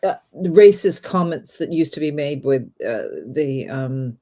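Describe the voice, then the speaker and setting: A woman's voice: low voice, expressive, a little slow, mellow. A woman co-hosting a review podcast, rambling with many fillers while she searches for words. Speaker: podcast co-host. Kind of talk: casual review discussion.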